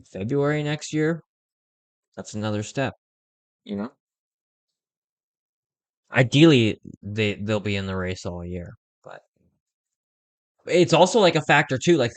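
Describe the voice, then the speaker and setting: Young guy casually calling a hockey game on his stream, dry close mic, gets excited on big plays. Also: medium pitch, dry recording. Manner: conversational, reacts excitedly to plays, uses fillers like "like". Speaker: host of a fan watch-along stream. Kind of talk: casual live play-by-play and chat.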